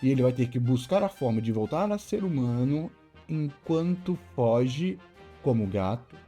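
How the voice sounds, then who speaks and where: A man hosting a casual animated-film review, opinionated and given to restarting his phrases. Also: medium pitch, measured pace, soft background music. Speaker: video essay host.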